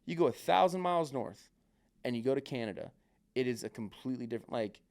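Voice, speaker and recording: A man talks on a podcast in a rambling, casual way, swearing freely and padding his sentences with filler words. His voice is smooth and resonant at an ordinary pitch. Now and then he drops into other people's voices to act out what they said. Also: animated, fast, a little mellow. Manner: acts out other people's remarks.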